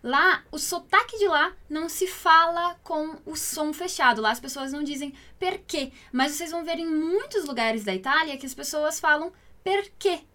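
A woman who grew up in Italy, giving a patient language lesson as a teacher and slowly spelling out example phrases. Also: high-pitched, pushed and bright. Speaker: Italian teacher.

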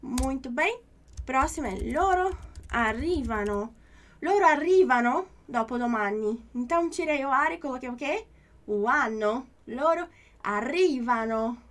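High-voiced Brazilian woman teaching Italian. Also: animated, measured pace, a bit bright. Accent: Brazilian Portuguese. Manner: patient, repeats often with check-in tags. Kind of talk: online language lesson.

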